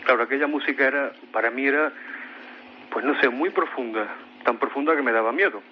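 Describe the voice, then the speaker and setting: A man's voice: mid-range voice, brisk, dull audio, slight background noise. A man with a Spain Spanish accent, a radio guest telling of a strange experience he lived through, hesitating often and repeating his words. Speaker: guest recounting a paranormal experience. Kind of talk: personal storytelling on a radio mystery show.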